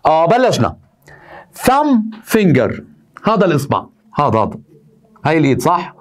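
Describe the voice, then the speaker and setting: A man's voice: a little high, very animated, very fast. A male teacher, drilling vocabulary by asking and answering his own questions. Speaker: English teacher. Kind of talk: vocabulary lesson, repeating words.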